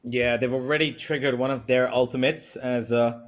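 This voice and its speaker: A man working as an esports caster, giving live play-by-play on a shooter match in an excitable, urgent manner. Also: medium pitch, moderate pace. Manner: excitable, rising urgency in action.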